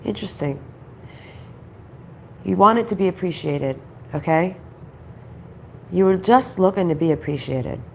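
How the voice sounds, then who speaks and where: Groggy, creaky-voiced woman reading cards. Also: lowish voice, animated, darkish tone, a little hiss or hum. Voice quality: groggy, croaky voice. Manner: halting, repeats phrases, asks rhetorical questions. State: throat trouble, voice off. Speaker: spiritual card reader, host. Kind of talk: conversational intuitive card reading to viewers.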